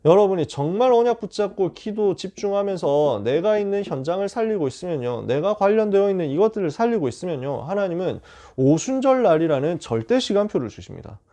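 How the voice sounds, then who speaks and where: A man preaching a sermon to high school students as their youth pastor, telling joking stories and making emphatic calls. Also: fairly quick, hardly any pauses. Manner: animated, joking storyteller.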